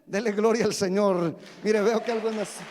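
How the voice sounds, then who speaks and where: A man's voice: high voice, steady tone, brisk, a little mellow, a little hiss or hum. A pastor in his forties preaching a sermon, telling humorous stories about himself and asking the congregation questions. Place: church sanctuary. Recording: long reverb of a church hall.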